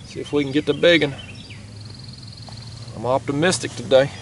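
Recorded by an action camera on his kayak, with faint river noise around, a young man chats easily to camera while fishing on a foggy river. This vlogger's voice is fairly high-pitched and moderately paced, and he's relaxed and talkative, drawling "y'all" and "ain't."

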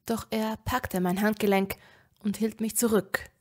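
A woman narrating a fan fiction story in the first person, dropping to a hushed whisper at tense moments. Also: medium pitch, steady tone, measured pace. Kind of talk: dramatic audiobook reading of fan fiction.

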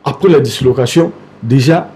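A man talking as a guest in an interview. He gets animated, repeats himself and trails off. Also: medium pitch, moderate pace, a little hiss or hum. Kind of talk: casual interview talk.

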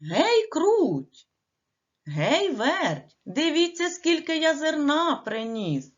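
A woman's voice: high voice, wildly swooping pitch, measured pace, voice pushed up, heavily acted. A woman voicing a patient, hardworking little rooster in a storybook tale, on a dull lo-fi recording. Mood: calling out.

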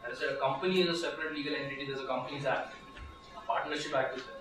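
Speaking rapid-fire in a steady, medium-pitched voice, this Indian English–accented lawyer in his thirties leads a chatty legal workshop, restarting often, using fillers, and gesturing as he stands. Music plays in the background. The sound is distant and echoey with background noise, recorded by a far camera without a mic in a small seminar room with a projector.

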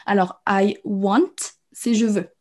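Young adult female English teacher, casual and encouraging, mellow voice. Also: mid-range voice, fairly even intonation, slow. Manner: casual, encouraging, chatty explanations. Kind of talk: live online English lesson.

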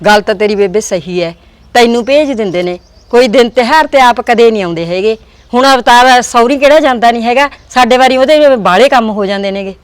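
A woman's voice: on the high side, a little fast, no room sound, natural voice. A woman playing a devoted, emotional married daughter who talks at length with her old mother in a family drama. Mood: affectionate. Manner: pleading, talkative.

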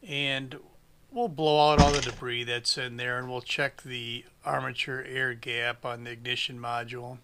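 Amid heavy background noise, a man in his forties who works as a small engine repair mechanic walks through a chainsaw fix at his workshop bench. His medium-pitched voice stays level at a moderate pace, plain-spoken and dry-humored as he thinks aloud.

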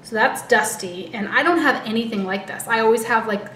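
A woman's voice: on the high side, a little fast, a bit bright. An American woman in her thirties, a little out of breath, chatting casually to camera as a beauty vlogger in an informal way. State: out of breath, heavily pregnant. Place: living room at home, indoors. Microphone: camera a short distance away. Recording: roomy echo, light background noise.

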